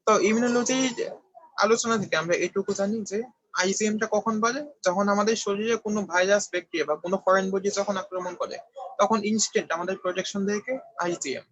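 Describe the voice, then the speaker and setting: In a dull, slightly lo-fi dry recording with no room sound, a young adult man from Bangladesh lectures online as part of a medical review. He talks fast in a high-pitched, fairly bright voice, building his explanation step by step and regularly confirming that students understand.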